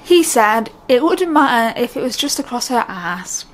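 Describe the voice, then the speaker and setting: Very animated and at a normal speed, a young British woman with a higher voice vlogs straight to camera without a script. She rambles candidly and often stops herself partway through sentences.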